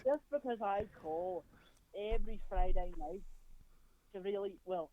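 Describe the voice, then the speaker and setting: A man's voice: sits high, unhurried, warm tone, lo-fi sound, slight background noise. A man playing a cheeky, suggestive caller with a put-on accent. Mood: sly. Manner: sly, suggestive. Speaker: prank caller.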